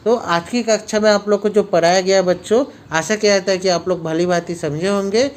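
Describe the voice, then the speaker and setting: A man teaching a school grammar lesson to children, patient and repetitive, reading examples out slowly with frequent filler phrases. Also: high-pitched, fairly even intonation.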